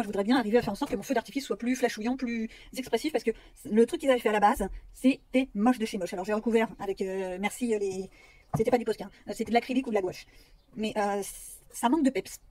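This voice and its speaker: Brief: fast-talking woman vlogger, slightly high voice, chatty and self-deprecating. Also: dark tone. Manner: chatty, self-mocking, rambling with fillers. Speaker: coloring hobby vlogger. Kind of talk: casual talk showing her books.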